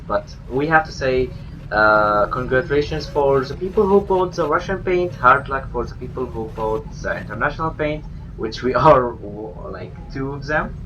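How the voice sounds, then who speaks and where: A man co-commentating a game stream, speaking loosely with many fillers and quick agreements. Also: medium pitch, a bit bright, lo-fi sound, a little hiss or hum. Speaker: co-commentator and team coach.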